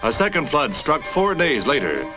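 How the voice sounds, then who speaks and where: A man's voice: on the high side, wildly swooping pitch, moderate pace. A man narrating an old newsreel in a dramatic, declamatory style. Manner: urgent, declamatory delivery. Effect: old newsreel soundtrack. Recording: dull lo-fi old newsreel sound with music under it.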